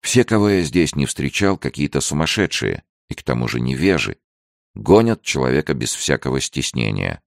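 A wry, self-assured gentleman adventurer, voiced by a male narrator in a deep, gravelly register lifted somewhat above it. He sounds half-joking and coolly polite in a dry, close storybook reading. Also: sing-song, normal speed, dry recording, exaggerated voice.

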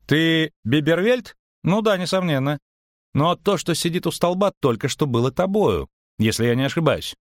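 Man voicing a cheeky high-voiced bard. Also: expressive, moderate pace, no echo, clean studio sound, lightly acted. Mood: bewildered. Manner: bright, cheeky. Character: cocky lively young male bard.

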